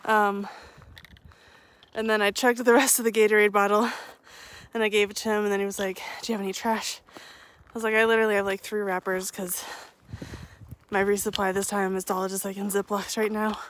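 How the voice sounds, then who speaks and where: Out on a trail, a young woman vlogs on the move with a handheld camera, speaking briskly in a medium-pitched, level voice with no echo. She's a thru-hiker who rambles casually and emotionally, laughing now and then.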